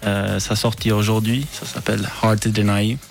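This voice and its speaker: A calm man giving a casual interview in halting French, slipping in words. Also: lowish voice, gravelly, soft background music. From Switzerland or Britain. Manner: hesitant, halting French with English words mixed in. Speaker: pop singer, interview guest.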